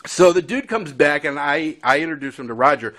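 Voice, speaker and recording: A man's voice: fairly high pitch, a little fast, a bit bright. A man telling a casual story about his railroad days, rambling and chuckling with conversational asides. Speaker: former railroad crew storyteller. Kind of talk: casual spoken anecdote.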